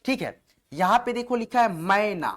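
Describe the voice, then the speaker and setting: A patient male teacher walks his viewers through a spelling lesson, spelling words out slowly one letter at a time. He repeats himself often and keeps checking that his students are following, in a close voice-over. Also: high-pitched, expressive, a bit bright. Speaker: online English teacher.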